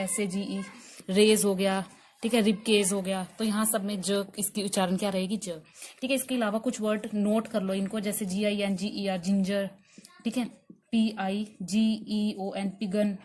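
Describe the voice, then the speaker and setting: A woman's voice: mid-range voice, darkish tone, slight background noise. A woman teaching an online pronunciation lesson, explaining patiently and spelling words out letter by letter with frequent check-ins. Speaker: English teacher.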